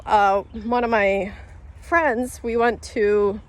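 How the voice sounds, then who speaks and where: A vlogger talks slowly in a medium-pitched, fairly even voice. Her on-camera story wanders, with frequent fillers and restarts, and she laughs as she tells it.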